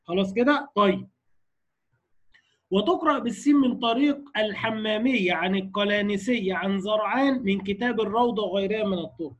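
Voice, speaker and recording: High-voiced Egyptian man teaching recitation. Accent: Egyptian Arabic. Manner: explanatory, checks in with students. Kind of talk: lecture on recitation variants.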